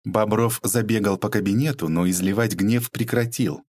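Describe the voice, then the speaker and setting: A man narrating an audiobook with an expressive reading. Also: on the low side, normal speed, no echo, studio quality.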